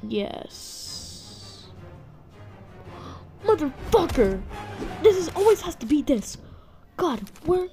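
In an improvised comedic fan voiceover of an animation, a female performer plays a frustrated, obsessive stick-figure inventor desperate for revenge, muttering slowly and swearing in an exasperated mood. Her voice is high-pitched, mellow and exaggerated, very animated. Background music plays behind her.

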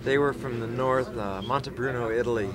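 A man in his fifties from Colorado, reminiscing slowly with many pauses and fillers in an interview on an outdoor café patio at night, speaking into a handheld mic. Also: medium pitch, steady tone. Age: 50s. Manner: slow, halting, full of pauses and fillers. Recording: outdoor patio with crowd behind.

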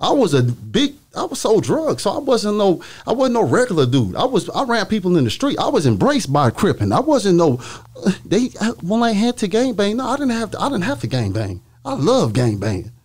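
A man's voice: high voice, wildly swooping pitch, moderate pace, darkish tone, husky. A man, a guest arguing insistently in a podcast studio. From Dallas, Texas. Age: 40s. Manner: insistent, talks over others. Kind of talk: heated podcast debate. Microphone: studio mic on boom, headphones.

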